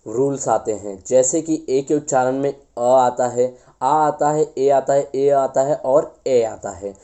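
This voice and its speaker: A man's voice: medium pitch, a little mellow. Hindi-speaking man teaching English pronunciation. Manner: addresses viewers as friends, repeats answers to his own questions; slows down to spell out words. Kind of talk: classroom-style lesson.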